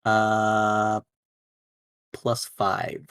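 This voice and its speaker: A man playing a tabletop game, with expressive, jokey banter. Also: on the low side, very slow, clear, resonant tone, no echo, clean studio sound. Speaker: player. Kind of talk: casual tabletop play.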